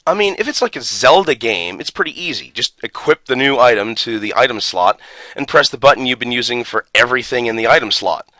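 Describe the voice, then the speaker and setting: This gaming YouTuber sounds fed up and sarcastic as he rants his opinions and reads a booklet aloud, stressing words forcefully. His mid-range voice is brisk and sharp with lively intonation, and no room sound is audible.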